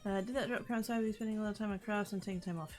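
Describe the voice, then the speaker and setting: A woman's voice: medium pitch, fairly even intonation, very fast, a little mellow, faint music behind. A woman livestreamer chatting casually and playfully with her viewers, rambling and easily sidetracked. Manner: playful, informal greetings to chat.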